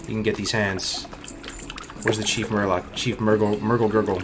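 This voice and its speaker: A man's voice: lowish voice, level tone, moderate pace, background noise. A man livestreaming gameplay commentary with cocky, hyped frat-bro slang. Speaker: game streamer. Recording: loud music behind the voice. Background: loud music.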